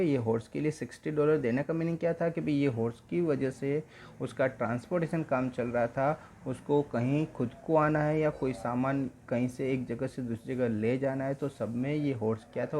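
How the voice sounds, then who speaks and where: A male teacher explaining an English story in Hindi, reading the English lines slowly and then explaining them in mixed Hindi and English. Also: mid-range voice, mellow, a little hiss or hum.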